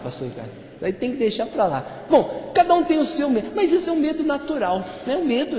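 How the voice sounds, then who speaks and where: A man preaching a sermon to a congregation, with playful, animated asides to the listeners. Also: sits high. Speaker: pastor. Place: church hall. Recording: echoey hall with long reverb.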